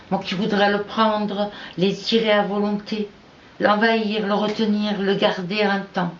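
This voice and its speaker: A woman reading her own poetry aloud in an unhurried, measured recitation with pauses between verses. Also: mid-range voice, slight background noise. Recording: echoey, dull lo-fi room recording.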